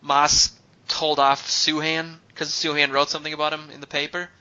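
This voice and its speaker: A man in his thirties co-hosting a sports podcast, an animated storyteller who gets loud when excited. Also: on the high side, moderate pace, clean tone. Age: 30s. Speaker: podcast co-host. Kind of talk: casual chat. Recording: slightly dull podcast audio with faint noise.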